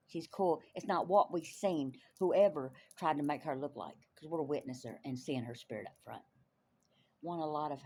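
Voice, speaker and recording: A woman tells her faith testimony in an animated way, laughing often and repeating lines for emphasis. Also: low voice, slight background noise. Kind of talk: testimony storytelling.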